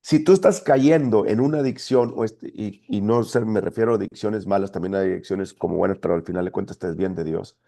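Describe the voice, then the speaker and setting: A man's voice: fairly low pitch, brisk, gravelly, hardly any pauses, mellow. A man preaching a sermon as pastor, emphatic and full of rhetorical questions. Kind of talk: sermon teaching.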